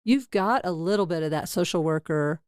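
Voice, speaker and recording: A woman's voice: fairly low pitch, lively intonation, a little fast, darkish tone, smooth, no echo, clean studio sound. A middle-aged woman hosting a podcast, talking frankly and rambling, often laughing at herself. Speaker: podcast host. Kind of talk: candid casual interview chat.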